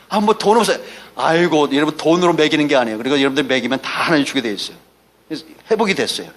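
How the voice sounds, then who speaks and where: This pastor's voice is on the high side with a fairly bright tone. In his emphatic, folksy Sunday sermon, he mixes asides with anecdotes and asks the congregation to respond in between.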